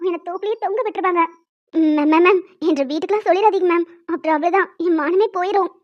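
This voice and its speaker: A woman voicing a defensive young female college student in an animated story. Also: very high voice, quick pace, muffled recording. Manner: pleading, defensive.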